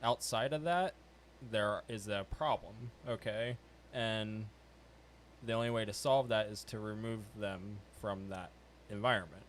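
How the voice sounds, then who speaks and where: A man's voice: on the low side, a little slow, slight background noise. A man in casual conversation, explaining his points and repeating phrases for emphasis. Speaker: podcast participant. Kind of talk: casual conversational podcast chat.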